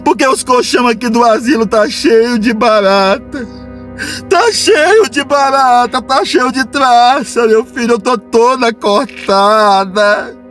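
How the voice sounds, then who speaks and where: A man's voice: very high voice, slow, fairly bright tone, soft background music, exaggerated voice. A man voicing a dying elderly mother in a nursing home who pleads with her son, repeating "my son" again and again. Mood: tearful pleading. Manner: pleading, repeats "meu filho".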